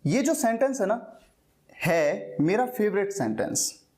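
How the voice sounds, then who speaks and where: A man teaching an English lesson, explaining step by step and slowly repeating key words. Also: sits high, sing-song, a little mellow.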